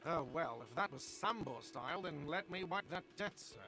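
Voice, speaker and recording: Grumpy sarcastic cafe manager guy, a man putting it on, keeps nagging about money, kinda high voice. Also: lively intonation, brisk, over music, natural voice.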